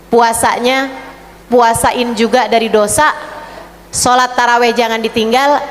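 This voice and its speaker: High-voiced woman preaching in a reverberant hall. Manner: playful, acts out congregants and gulping sounds; switches between warm advice and Arabic recitation. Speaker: Islamic preacher. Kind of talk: lively Ramadan sermon. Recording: long hall reverb, faint background noise.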